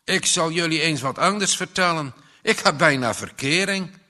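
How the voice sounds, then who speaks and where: A man's voice: a little high, expressive, sharp tone, voice pushed up. A man voicing a cheerful young fellow who jollies his friends along, in a storybook reading. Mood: jovial. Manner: hearty, cheerful, brisk. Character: jovial young man calming his mates.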